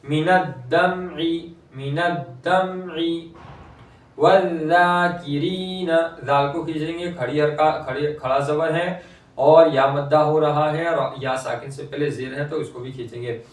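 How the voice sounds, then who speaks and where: A man teaching Quran reading, slowly reciting each word twice and then quickly explaining the pronunciation rules. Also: fairly high pitch, steady tone. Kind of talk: slow recitation lesson. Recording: echoey room, voice from far off.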